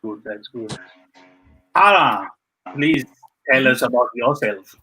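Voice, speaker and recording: A man hosts a live video-call panel with a bright, forward voice. He talks haltingly, restarting phrases and repeating short praise between guests. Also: medium pitch, animated, slightly rough, faint music behind, low-quality recording. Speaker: host of a live online panel.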